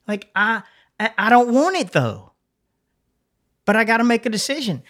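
A man's voice: very high voice, very animated, moderate pace, a bit bright. A middle-aged man co-hosting a podcast, telling a personal story in a casual, earnest way that rambles and restarts. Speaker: podcast co-host.

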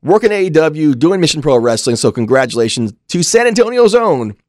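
A man's voice: a little high, sing-song, brisk, darkish tone, no echo, studio quality. A man co-hosting a podcast in casual banter, emphatic and given to repeating his phrases. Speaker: podcast co-host.

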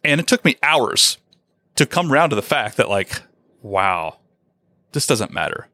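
Male podcast co-host, candid and self-mocking, lively pitch, dry close sound. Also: unhurried, no room sound. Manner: candid, self-deprecating, animated storytelling. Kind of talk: casual podcast chat.

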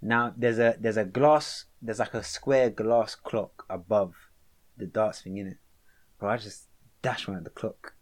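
A man's voice: fairly low pitch, a little slow. A young man with a London accent, chatting casually and telling stories in heavy slang. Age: young adult. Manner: slang-heavy, animated storytelling. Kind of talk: casual chat, storytelling.

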